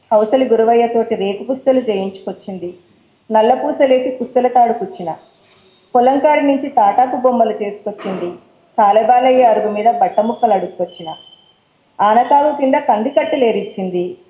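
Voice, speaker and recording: Captured in a roomy recording with the high frequencies missing, a woman with a mid-range voice recites her own poetry rhythmically at a poetry forum event. Between poems she chats casually on stage in Telangana Telugu, dropping in English words.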